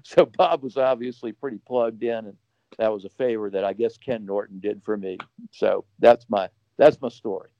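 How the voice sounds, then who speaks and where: A man's voice: lowish voice, normal speed, dark tone, no room sound, muffled recording. A man telling a long anecdote as a podcast guest, rambling casually with fillers and restarts. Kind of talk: casual storytelling.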